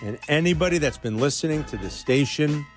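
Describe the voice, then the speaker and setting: Male sports radio host, playful game-runner, very animated delivery, faint music under him. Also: a little high. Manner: playful, teasing, repeats clues slowly. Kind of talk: casual radio banter, running a trivia game. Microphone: studio microphone.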